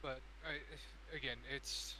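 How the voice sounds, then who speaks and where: A man's voice: mid-range voice, steady tone, takes it slowly. Man playing tabletop games, noisy mic. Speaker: player. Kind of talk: casual tabletop role-play.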